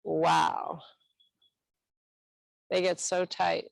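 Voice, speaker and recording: Woman leading a stretch class, slow and calm, bit of a gravelly edge, dry close sound. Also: fairly low pitch, dry recording, low-quality recording. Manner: calm, encouraging cueing with a slow, unhurried delivery. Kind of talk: guided stretching instruction.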